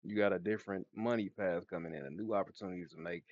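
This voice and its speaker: A man's voice: low-pitched, fast, a little mellow, muffled recording. A man giving a casual, slangy tarot card reading, his speech slightly slurred and lisping from wearing a retainer. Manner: informal, slangy, laid-back. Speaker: tarot reader.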